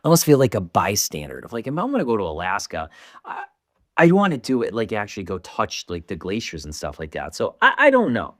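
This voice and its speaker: A man's voice: fairly low pitch, huge pitch swings, brisk, fairly bright tone, dry recording, clean studio sound. A young man co-hosting a casual podcast, rambling with restarts and casual swearing. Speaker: podcast co-host. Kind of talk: casual chat.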